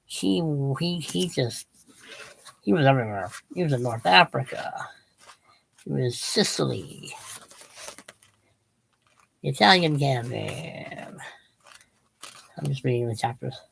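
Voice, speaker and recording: A man's voice: medium pitch, animated, slow pace, creaky, pauses often, a bit bright, a little hiss or hum, low-quality recording. A man who is losing his voice, talking casually and rambling about his books, restarting sentences and drifting off topic. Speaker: channel host. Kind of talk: casual rambling book talk.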